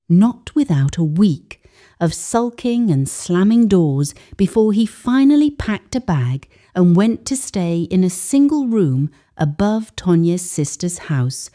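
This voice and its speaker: A woman narrates a scripted dramatic story in a solemn, measured way, pausing deliberately for emphasis. Her voice is medium in pitch with a dark tone.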